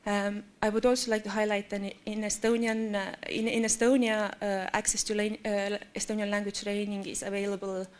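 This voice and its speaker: A woman gives a statement on a conference panel about public employment services. She speaks haltingly, with many restarts and fillers. Her pitch stays flat and even.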